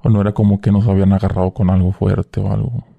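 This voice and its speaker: A man's voice: deep voice, little pitch movement, quick pace, creaky, lo-fi sound. A young man, a guest in a casual interview, telling his story in slang and acting out the dialogue. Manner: slangy, acts out quoted dialogue. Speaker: guest, former cartel worker.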